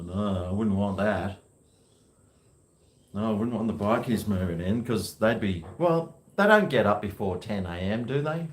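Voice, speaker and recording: A man with a broad New Zealand accent, chatting casually and rambling to himself in slangy talk at home. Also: fairly low pitch. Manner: chatty, self-talking, slangy. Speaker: vlogger. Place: indoors at home. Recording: echoey room.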